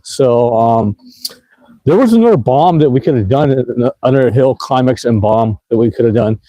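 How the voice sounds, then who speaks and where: A man livestreams from his e-bike on nighttime city streets, talking in a rambling, easygoing manner full of fillers and laughs. His mid-range voice is warm and animated at a moderate pace. There's no room sound, but the recording is rough.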